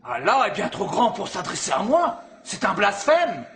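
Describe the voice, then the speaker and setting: A man's voice: high-pitched, wildly swooping pitch, normal speed, a bit bright, heavily acted. A man playing an indignant, pious believer who speaks in an offended, emphatic way in a short dramatic skit. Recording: long hall reverb, faint noise.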